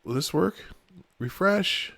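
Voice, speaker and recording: A man's voice: sits high, lively intonation, slow pace, gravelly, bright, forceful tone, breathy edge. A middle-aged man with a standard American accent hosts a casual live show, chatting in a rambling, conversational way as he thinks aloud. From United States. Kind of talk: casual live-stream chat.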